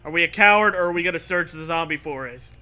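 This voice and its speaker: A man reads a comedy story aloud with animated energy, acting out the dialogue and bantering with casual swearing. His voice is on the high side, and he speaks fast.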